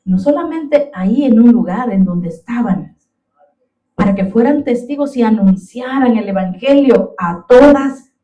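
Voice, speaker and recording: Heard from a distant mic in an echoing sanctuary, a woman with a slightly high, mellow voice delivers a fervent church sermon. She keeps addressing the congregation as her brothers and sisters.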